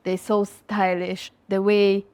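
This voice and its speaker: A young woman with a Russian accent, a dancer giving a casual interview, speaking frankly and with lively, non-native grammar. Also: mid-range voice, slow, clean tone. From Russia, born in Ukraine. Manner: frank and animated, with broken English grammar. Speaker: guest, dancer living in Jamaica.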